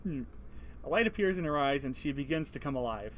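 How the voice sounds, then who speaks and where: A man's voice: fairly high pitch, animated, fairly quick, slight background noise. A man reading a visual novel's text aloud, breaking off to joke and laugh. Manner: reads narration evenly, then jokes and laughs between lines. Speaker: let's play co-host reading game text.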